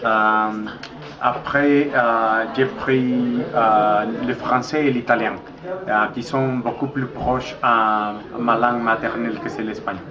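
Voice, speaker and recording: A middle-aged Mexican man speaks French, a learned language, with a Mexican Spanish accent as a guest in a casual interview. His medium-pitched, steady voice is slow and hesitant, full of pauses and fillers, on a dull, echoey recording with crowd noise.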